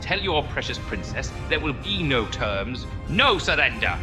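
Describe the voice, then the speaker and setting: A man's voice: mid-range voice, sing-song, unhurried. A man voicing a ruthless male space-fleet general who barks clipped, contemptuous orders, his voice run through an AI voice filter. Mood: cold. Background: loud dramatic music.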